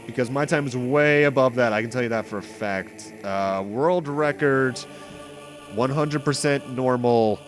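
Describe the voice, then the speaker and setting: Game music runs beneath a mid-range male voice speaking at a moderate pace with few pauses. He's the host of a video game playthrough series, chatting loosely, explaining things, and correcting himself as he plays.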